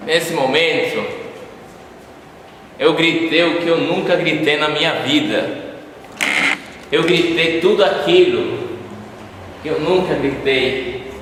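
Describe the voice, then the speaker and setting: A Brazilian man preaching in the voice of a storyteller, sounding somewhat high for a man. His theatrical delivery swings from hushed lines to loud pleading cries. He is heard from a distance in a big church hall with long, heavy echo and a faint room hum behind him. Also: slow pace, long pauses. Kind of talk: sermon told as a first-person dramatic monologue. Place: church sanctuary.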